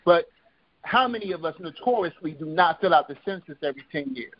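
A man's voice: a little high, animated, brisk, over a noisy crowd. A man in his thirties co-hosting a casual podcast, speaking emphatically and voicing strong opinions. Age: 30s. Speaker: podcast co-host. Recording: dull lo-fi audio with faint noise.

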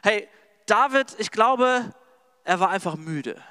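A male preacher delivers a sermon and retells scripture in chatty, slangy language. He speaks directly to his listeners. His voice sits high and sounds smooth and resonant. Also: animated, slow pace, sharp tone, in a large hall. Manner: casual and slangy storytelling, addresses the audience directly.

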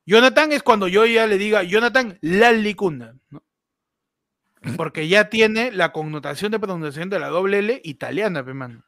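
High-voiced Peruvian man, jokey. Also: expressive, moderate pace, a bit bright, no echo, clean studio sound. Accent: Peruvian Spanish. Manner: jokey, playful wordplay, repeats "mano". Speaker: livestream co-host. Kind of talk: casual banter livestream.

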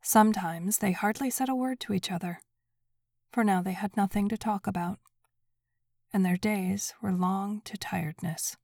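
A woman narrating a story in a soft, breathy whisper, hushed and even. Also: mid-range voice, normal speed, no echo, studio quality.

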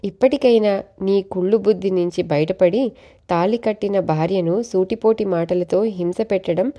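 A woman's voice: medium pitch, normal speed, warm tone, close to an everyday voice. A woman voicing a bold, clever young woman in a storybook tale, who teases and scolds with confidence. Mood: teasing. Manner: teasing, scolding.

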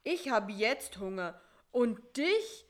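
A woman voicing a greedy, sulky male spider in a read-aloud children's story, speaking in a whiny, grumbling, drawn-out way. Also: a little high, very animated. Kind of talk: storybook reading.

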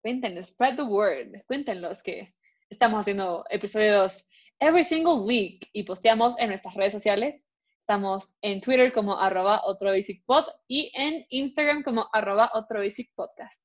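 A woman's voice: medium pitch, moderate pace. A young woman co-hosting a podcast in casual chat, freely mixing in English words. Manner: chatty, mixes Spanish and English. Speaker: podcast co-host. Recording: dull lo-fi recording.

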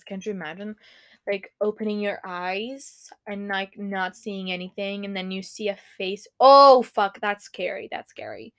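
Young woman, solo podcast host; unhurried, giggly and foul-mouthed, reading a list aloud; dry close mic. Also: mid-range voice, fairly bright tone, dry recording. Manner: giggly and frank, swears, reads a list aloud. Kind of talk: casual solo podcast chat.

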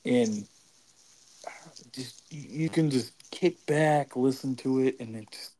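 A man's voice: medium pitch, slow, mellow, slight background noise. A young man co-hosting a podcast, talking casually with many restarts, fillers and swearing. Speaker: podcast co-host. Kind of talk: casual chat.

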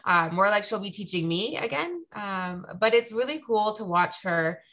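A woman in her thirties from Toronto, chatting casually as a podcast guest with lots of ums and quick asides. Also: mid-range voice, animated, fairly bright tone, slight background noise. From Canada (Toronto). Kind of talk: casual conversation.

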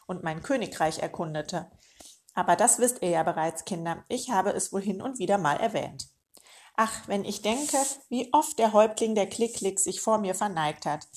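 A woman's voice: medium pitch, close to an everyday voice. A woman voicing a boastful old male meerkat uncle in a children's storybook, talking in a pompous, self-important way.

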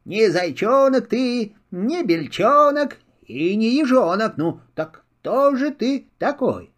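A sleepy, weary mother hedgehog in a children's storybook, sighing as she speaks, put on by an older man. The delivery is slow with a lively pitch. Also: heavily acted.

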